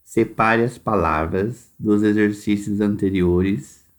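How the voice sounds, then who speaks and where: Slow, low-voiced Brazilian male teacher. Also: steady tone. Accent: Brazilian Portuguese. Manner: slow, deliberate dictation, stretching words syllable by syllable. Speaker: primary school teacher. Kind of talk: recorded remote class instructions.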